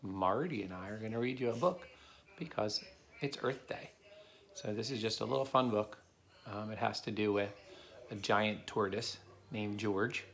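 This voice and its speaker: Talking to a child helper, a man reads from a children's picture book and makes the explanations easy to follow. His lowish voice moves at a moderate pace and sounds a bit bright. The background noise is clearly audible.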